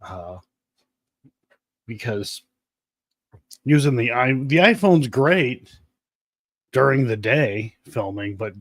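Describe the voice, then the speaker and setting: A man's voice: medium pitch, lively intonation, slow, pauses often, no echo, studio quality. A man co-hosting a live stream, chatting casually in a rambling, joking way with some swearing. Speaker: podcast co-host.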